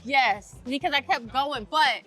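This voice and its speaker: A woman's voice: high voice, a little slow, fairly bright tone, faint music behind. A woman from Maryland, a podcast guest talking in a casual chat, emphatic and punchy, repeating her points for force. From Maryland, USA. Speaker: podcast guest, insurance agency owner.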